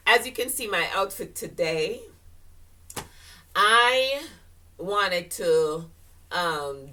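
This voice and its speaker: Her voice is deep, pushed and bright, recorded from a distance. She is an older fashion vlogger with a Jamaican accent, rambling casually to camera with lots of fillers and laughter, sounding congested in the sinuses.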